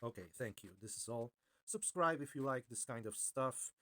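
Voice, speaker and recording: A man presenting an informal technical explainer in a hesitant, halting way, often correcting himself. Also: medium pitch, lively intonation, pushed and bright. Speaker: video presenter.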